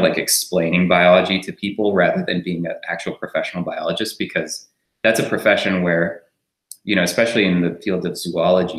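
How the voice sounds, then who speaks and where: A male interview guest, a startup co-founder who grew up in France, keeps things conversational and relaxed. Deep and fairly bright in tone, he laughs frequently and rambles with fillers, and the recording sounds roomy.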